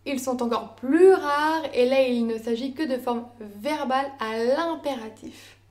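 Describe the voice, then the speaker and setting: A young woman whose first language is French walks through a language lesson, her voice sitting high. She explains each point clearly and carefully from a script, pausing to say example words aloud. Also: darkish tone. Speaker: language learner teaching Italian.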